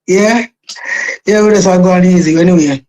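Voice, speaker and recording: A woman with a Jamaican accent and a husky voice, making an argument casually as a guest on a talk show. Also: on the low side, moderate pace, warm tone. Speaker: call-in guest.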